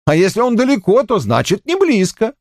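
Guy reading snide army officer, mocks everyone, jumps to a thin squeaky voice, audiobook. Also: wildly swooping pitch, fairly quick, darkish tone, no room sound, clean studio sound, heavily acted. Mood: mocking. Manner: mocking, switches to a squeaky falsetto. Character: sardonic male army officer, mocking and prickly.

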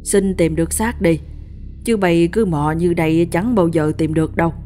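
A woman's voice: lowish voice, normal speed, warm tone, soft background music, natural voice. A woman doing a stern village elder who knows spirits. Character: older village man versed in spirit matters, stern. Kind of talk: storytelling.

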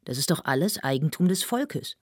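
A woman voicing a cheerful, carefree young soldier, nonchalant, with a slightly husky voice. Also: deep voice, expressive, moderate pace, a little mellow, no room sound, clean studio sound. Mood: breezy. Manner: breezy, nonchalant.

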